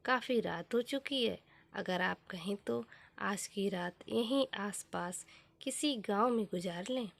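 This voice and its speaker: A woman voicing a respectful, conscientious male disciple in a motivational story, with plain, measured delivery. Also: medium pitch, gravelly, fairly bright tone. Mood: respectful, concerned.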